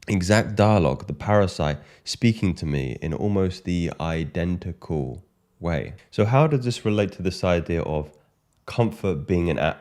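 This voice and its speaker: Very deep-voiced British man coaching. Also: a little mellow. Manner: measured, emphatic, repeats key phrases. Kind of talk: monologue to camera.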